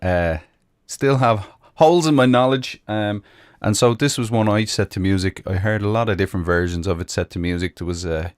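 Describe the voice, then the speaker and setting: Deep and smooth, this man's voice carries an Irish accent as he hosts a live music stream from his Michigan home room, chatting loosely with plenty of ums and uhs. The close-miked sound is clean and studio-like, with no echo.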